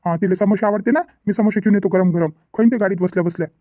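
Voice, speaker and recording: A man's voice: high voice, fast talker, dark tone, no room sound, lo-fi sound, natural voice. A man voicing a worried young village brother who rambles and repeats himself in a cartoon family drama.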